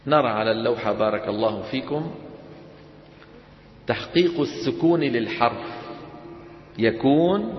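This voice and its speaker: A man teaching a classroom tajweed lesson, quizzing the class and chanting verses slowly. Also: a little high. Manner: asks the class questions and answers them, chants verses slowly. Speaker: Quran recitation teacher. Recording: roomy lecture hall, dull lo-fi sound.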